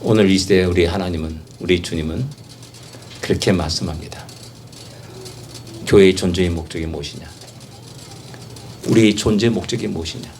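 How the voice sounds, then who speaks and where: A male pastor preaching a sermon, emphatic, with rhetorical questions and repeated phrases, swinging from soft passages to loud exhortation. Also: deep voice, moderate pace, long pauses, slight background noise.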